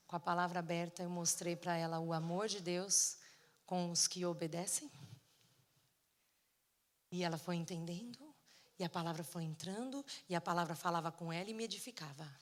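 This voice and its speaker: A middle-aged woman giving an emotional sermon testimony in a church, acting out dialogue and swinging between loud and soft. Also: on the low side, big-room sound. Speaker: preacher. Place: church sanctuary.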